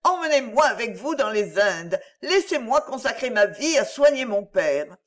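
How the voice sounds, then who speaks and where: A woman reading an audiobook, voicing a tearful, earnest young woman who pleads in a high, breathless voice. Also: sing-song, normal speed. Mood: tearful pleading.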